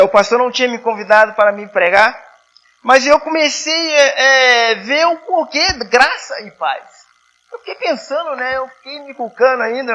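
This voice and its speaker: Bright-voiced missionary man preaching. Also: high voice. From southern Rio de Janeiro state, Brazil. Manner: conversational, repeats and restarts, asks the congregation "né?". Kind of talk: sermon. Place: church hall.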